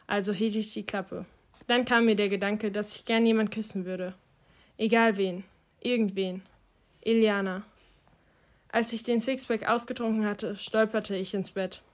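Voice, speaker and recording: A woman narrates an audiobook in a quiet, reflective voice of middle pitch. Her phrases trail off softly at their ends. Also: steady tone, moderate pace.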